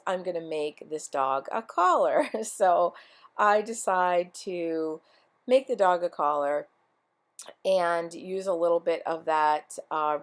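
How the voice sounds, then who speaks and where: A low-voiced woman who is losing her voice chats through a casual craft tutorial as a scrapbooking vlogger. She rambles chattily, with lots of ums.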